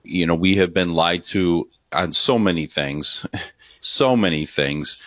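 A man's voice: low-pitched, slow, fairly bright tone, no room sound, clean studio sound. A man co-hosting a podcast, earnestly introducing and questioning his guest. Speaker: podcast co-host. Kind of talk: podcast interview.

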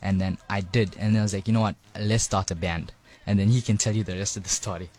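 A man's voice: on the low side, steady tone, fast, darkish tone. An eighteen-year-old man, answering radio interview questions hesitantly with many ums and likes. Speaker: band drummer, guest. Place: radio studio.

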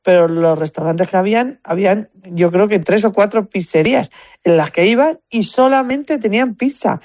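A woman speaks at normal speed in a medium-pitched, slightly mellow voice, with no echo. She's a Spanish competitive shooter with a Spanish accent, giving casual, anecdotal interview answers as a guest and repeating words as she thinks.

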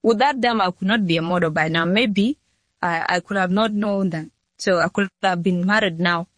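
A woman's voice: lowish voice, moderate pace, no room sound. A nineteen-year-old woman from Sudan, answering interview questions plainly and earnestly, often restarting her sentences. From South Sudan. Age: 19, young adult. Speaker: model, interview guest.

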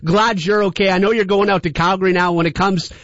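A male talk radio host chats with a guest in a friendly, conversational way. His voice is slightly high and dry. The broadcast sound is a bit dull. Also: fairly even intonation, fairly bright tone, dry recording. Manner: friendly, conversational, brisk wrap-ups.

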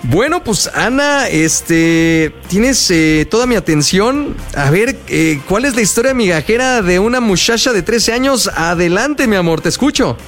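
A man with a Mexican accent hosting a call-in radio show, lively, slangy and affectionate with his callers. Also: high voice, measured pace, few pauses, faint music behind.

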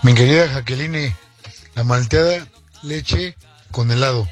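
A man sends a playful, teasing voice message to a radio show. He sounds distant, as if played back from afar, with music clearly beneath him. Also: medium pitch, measured pace. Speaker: listener voice message.

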